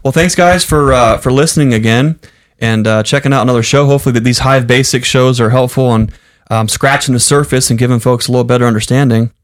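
A man co-hosting a casual podcast, talking in a halting way with many fillers and restarts. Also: mid-range voice, fairly even intonation, no room sound, studio quality. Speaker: podcast co-host. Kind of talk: casual chat.

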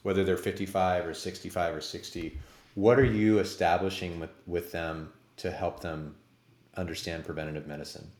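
A man in his forties with a very deep, low voice hosts a casual interview chat. He talks in a rambling, self-deprecating way, and the room sounds echoey around him. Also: fairly even intonation, normal speed, a little mellow. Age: 40s. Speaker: podcast host.

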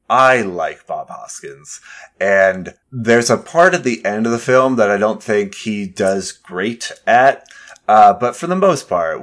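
A man co-hosting a casual podcast, leading the discussion with measured opinions. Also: on the low side, a bit bright. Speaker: podcast co-host. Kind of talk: casual chat.

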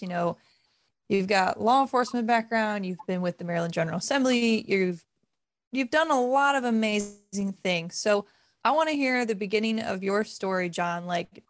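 A woman's voice: fairly high pitch, no echo. A woman co-hosting a podcast, introducing and interviewing a guest. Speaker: podcast co-host.

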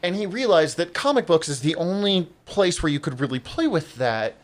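A man's voice: fairly high pitch, animated, moderate pace. A man co-hosting a podcast, rambling through his thoughts, swearing often and laughing a lot. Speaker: podcast co-host. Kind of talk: casual chat.

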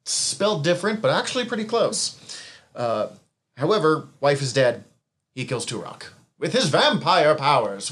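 A man's voice: mid-range voice, fairly bright tone. A man co-hosting a casual podcast, walking through comic book backstory. He talks in a rambling way, stopping to correct himself mid-sentence and chuckling at his own asides. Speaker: podcast co-host recapping comics.

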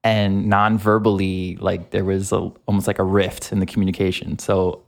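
A male podcast host with a low voice leads the talk in a thoughtful, measured way. He sets up topics and asks his co-host for reflections. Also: flat delivery, creaky. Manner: thoughtful, guiding questions, measured.

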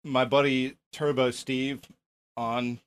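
A man's voice: medium pitch, little pitch movement, slow, clear, resonant tone. A man talking casually on a podcast as a musician and mixing engineer.

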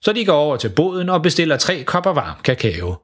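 A man narrates a children's story in an animated way, his pitch rising and falling a lot. He keeps it playful and easy to follow. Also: breathy edge.

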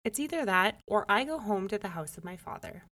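A woman voicing a sharp-tongued, ambitious young wife in a folk tale. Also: medium pitch, lively intonation, a little fast, lightly acted. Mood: scolding. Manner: indignant, scolding.

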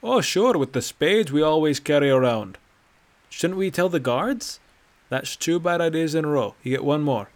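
A man's voice: mid-range voice, moderate pace, gravelly. A man voicing a sardonic old male Nord traveler with a dry, lecturing manner, in a read-aloud fantasy story. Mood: wry. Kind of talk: audiobook character voice.

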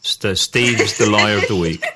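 A man hosting a casual podcast chat, relaxed and drily joking as he steers the talk. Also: on the low side, measured pace, heavy background noise. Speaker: podcast host.

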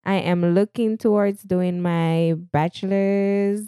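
A woman's voice: medium pitch, steady tone, takes it slowly, warm tone, clear, resonant tone, no room sound, clean studio sound. A woman with a Jamaican accent chatting casually as a podcast co-host. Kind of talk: casual chat, self-introduction.

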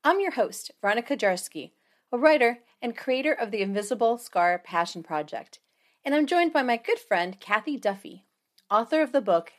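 A woman presents a scripted podcast introduction as host. She speaks at a medium pitch. The sound is slightly muffled and underwater, as picked up by a built-in computer microphone.

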